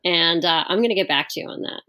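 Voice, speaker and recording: A woman guest explaining science in relaxed podcast chat. Her voice sits a little low, and she talks in a loose, chatty way with many fillers. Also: quick pace.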